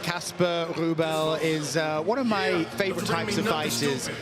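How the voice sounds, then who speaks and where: A man commentating a fight broadcast in a measured, analytic way. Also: on the high side, steady tone, loud music behind the voice.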